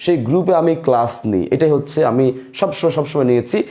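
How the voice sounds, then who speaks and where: A man's voice: on the high side, fast, dark tone. A man teaching an online grammar lesson, repeating each point and quizzing his students.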